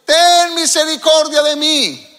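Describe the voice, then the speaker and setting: A man acting out a desperate blind beggar who cries out loudly and pleads. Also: extremely high pitch, steady tone, takes it slowly, voice pushed up, exaggerated voice. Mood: pleading shout. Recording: long hall reverb.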